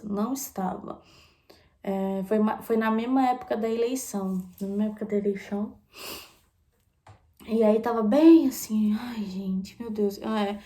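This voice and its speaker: A young woman from Brazil chatting candidly in a casual vlog, repeating phrases and dropping into soft asides. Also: a little high. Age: young adult. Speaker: vlogger. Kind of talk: casual confessional chat.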